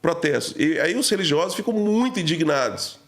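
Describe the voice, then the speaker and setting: A man's voice: fairly high pitch, lively intonation, fairly quick. A man talking as a podcast guest, telling an emotional story in a slangy, casual way full of fillers.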